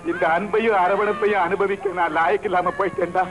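A man acting a sorrowful outcast with leprosy who gently soothes a baby, in an old film style. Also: high voice, flat delivery, fast, lightly acted, rough recording. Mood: grieving, tender. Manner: gentle, grieving. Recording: old film soundtrack with loud music.

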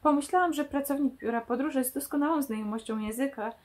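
A woman reading the lines of a sharp young woman who confronts a crook, from a novel read aloud. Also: high voice, quick pace, pitched above the performer's own voice, natural voice. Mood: accusing.

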